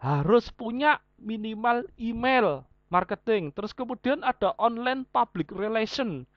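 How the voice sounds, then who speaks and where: A woman teacher explains her online class point by point and ties each idea to everyday examples. Her pitch rises and falls a lot as she talks. The recording is dry and slightly dull, with no room sound. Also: animated, measured pace, dry recording. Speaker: vocational school teacher.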